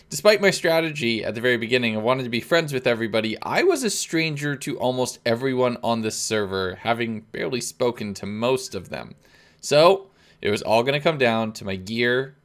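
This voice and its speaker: A man's voice: medium pitch, a bit bright. A man hosting a gaming video, mixing narration with casual chat among players.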